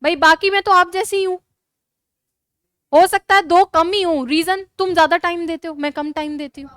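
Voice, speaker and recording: A woman teacher with a Rajasthani Hindi accent, giving a classroom lecture in a brisk, scolding way and urging students to write fast. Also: extremely high pitch, steady tone, a bit bright, no room sound.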